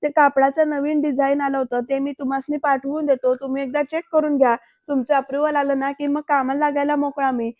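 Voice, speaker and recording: A woman's voice: sits high, level tone, brisk, few pauses, no room sound, natural voice. A woman voicing a respectful, eager male employee talking to his boss, on a dull, dry recording. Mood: deferential. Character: deferential male business employee.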